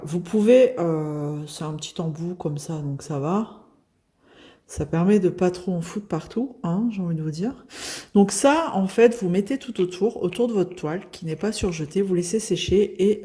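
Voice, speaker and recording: A woman from northern France chats through a craft unboxing, pausing often on fillers and laughing at herself. Her voice sits a little low, with a mellow tone. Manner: chatty, self-deprecating, many fillers. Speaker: craft video host. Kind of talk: casual unboxing chat.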